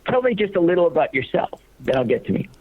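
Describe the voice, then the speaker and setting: A man's voice: on the high side, sing-song, fast talker, husky, no room sound. A man in his forties from Hawaii, a guest writer, putting on his old-school radio announcer voice. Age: 40s. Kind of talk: interview over a phone line. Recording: tinny phone line.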